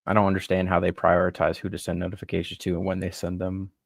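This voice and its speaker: A man with a very deep, gravelly voice chats easily on a live stream and offers support. He often restarts his words. His voice sounds dry and close. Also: monotone, quick pace, no room sound. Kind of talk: casual live-stream chat.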